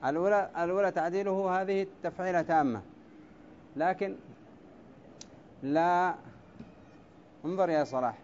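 A male teacher in a classroom, going over poetic meter at the board, drawing words out slowly syllable by syllable and calling on students by name. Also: high voice, darkish tone, dull audio, a little hiss or hum. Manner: quizzes students by name, brief praise. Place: classroom with a blackboard.

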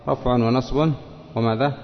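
A man's voice: medium pitch, fairly even intonation, normal speed, slight background noise. A man teaching a grammar class who questions students by name and repeats their answers. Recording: dull lo-fi sound with long hall reverb.

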